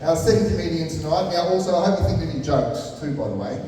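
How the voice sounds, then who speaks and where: Hosting a comedy night in a big hall, a man with a mellow, fairly high voice speaks quickly and expressively, ribbing the audience in chatty banter and tripping over repeated words. The distant recording is echoey, full of crowd noise from the room.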